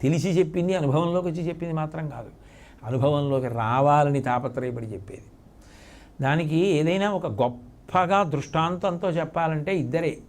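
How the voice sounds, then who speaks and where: A man's voice: on the high side, normal speed, a little mellow. Man telling a sermon story. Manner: vivid storytelling, repeats words for effect. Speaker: spiritual discourse speaker.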